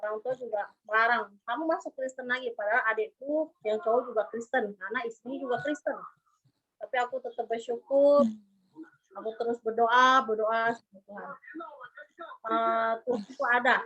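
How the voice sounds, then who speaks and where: Woman, church testimony, earnest, halting, dull recording. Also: a little high, steady tone, fairly bright tone. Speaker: church member giving a testimony. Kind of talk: personal testimony. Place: abroad, in China. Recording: lo-fi dull sound.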